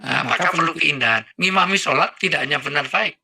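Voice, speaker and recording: A man's voice: on the high side, expressive, brisk, gravelly, sharp tone, slightly rough. A middle-aged man preaching with humor as a talk-show guest, full of jokes and little acted-out exchanges. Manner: joking, acts out little dialogues and sounds.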